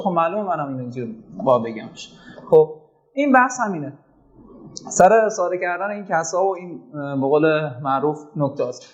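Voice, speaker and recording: A man's voice: high voice, highs cut off. A man teaching a math class, asking questions and answering them himself, stretching out words as he dictates definitions. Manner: addresses students as "sir", asks and answers his own questions.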